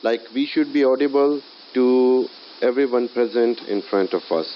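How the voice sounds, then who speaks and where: A man's voice: medium pitch, moderate pace. Lo-fi recorded man giving a lecture. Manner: frequent "uh" fillers and restarts, explanatory. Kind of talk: classroom lecture. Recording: dull lo-fi recording with faint hiss.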